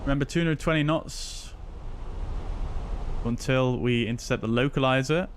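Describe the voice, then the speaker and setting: A man's voice: medium pitch, normal speed, slight background noise. A man flying a simulator, talking over a cockpit headset mic in casual commentary, reading back radio calls and checklists. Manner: easygoing, reads checklists and radio calls aloud. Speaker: flight sim streamer acting as pilot.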